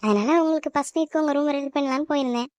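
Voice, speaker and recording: A woman's voice: high voice, darkish tone, no echo, close to an everyday voice. A woman voicing a cheeky teasing kid sister. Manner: quick, playful teasing. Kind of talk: cartoon family drama voice acting.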